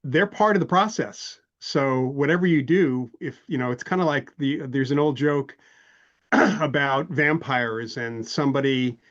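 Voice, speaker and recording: A man hosting an interview podcast in a measured way, trading anecdotes and leading into long questions. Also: mid-range voice, a bit bright, dull audio. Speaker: host.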